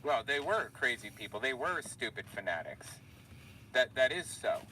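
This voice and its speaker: A man's voice: mid-range voice, big pitch swings, moderate pace, distant mic, background noise. A man giving casual, conversational commentary, explaining his point.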